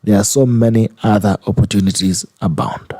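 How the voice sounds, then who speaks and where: A man's voice: on the low side, steady tone, fairly quick, dark tone, no room sound. A man with a Kenyan accent hosting a radio talk show, addressing listeners directly as he presents and reads out their comments. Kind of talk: call-in show chat, reading out listener comments.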